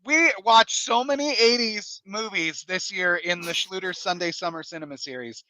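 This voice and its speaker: A man's voice: high-pitched, normal speed, pushed and bright, no echo, poor audio. A man co-hosting a casual movie podcast, eager and playful, often jumping in. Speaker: podcast co-host.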